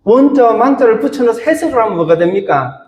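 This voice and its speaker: A male pastor preaching a sermon. He is animated, puts questions to the congregation and laughs often. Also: very high-pitched, quick pace, highs cut off. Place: church sanctuary. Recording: echoey church hall.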